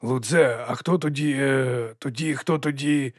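Nervous chief acolyte, hemming and stammering slowly, voiced by the male reader. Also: medium pitch, dry recording, studio quality, natural voice. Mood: flustered. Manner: hesitant, stammering, slow.

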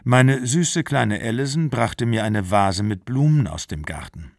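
Earnest and pleading, a desperate young mother spills out her fear, read by a male audiobook narrator at a measured, steady, literary pace. The gravelly, medium-pitched voice sounds close in a dry, deadened recording.

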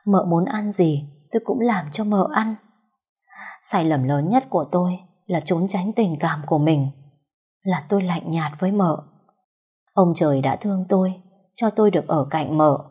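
A grieving young husband pleads through tears, a woman doing the part in a low, warm, husky voice. In the storybook narration he murmurs and begs by turns. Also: normal speed. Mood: tender. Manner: tearful pleading, soft murmuring at night.

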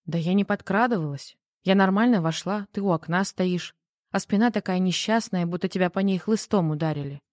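A woman's voice: on the low side, fairly quick, a little mellow, dry recording, studio quality, close to an everyday voice. A woman reading the part of a worried, teasing wife who keeps pressing with questions in an audiobook. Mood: needling. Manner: pushy, needling questions.

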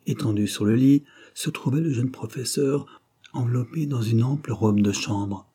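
A man's voice: moderate pace, dark tone, husky. A man reading a detective story aloud as an audiobook narrator, lifting his voice for the characters' lines. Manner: raises pitch and volume to voice the characters' quoted lines.

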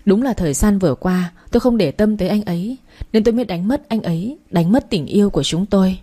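A woman narrates a story in the first person. Her voice is mellow and warm. She reads steadily, softly and earnestly. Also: mid-range voice, lively intonation, fast, breathy edge.

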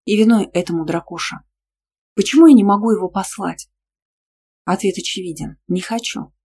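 A woman's voice: medium pitch, normal speed, mellow, husky. Female audiobook narrator, first-person, emphatic delivery.

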